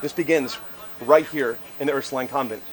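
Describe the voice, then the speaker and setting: A man working as a ghost tour guide, telling stories in an animated, theatrical way with casual, jokey asides. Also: medium pitch, brisk. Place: outdoors on a city street walking tour. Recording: noisy outdoor street ambience.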